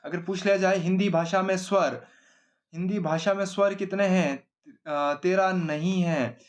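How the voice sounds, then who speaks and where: Guy teaching grammar, kinda high voice, keeps asking is that clear then answers himself. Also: fairly even intonation, measured pace. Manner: explains simply, repeats questions and answers them himself, asks 'है ना?' often. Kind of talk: exam-oriented whiteboard lesson.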